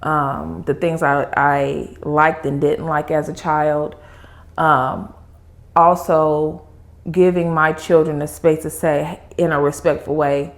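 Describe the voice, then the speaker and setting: Female podcast guest, middle-aged, low pitch, slow pace, earnest conversational delivery. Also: level tone.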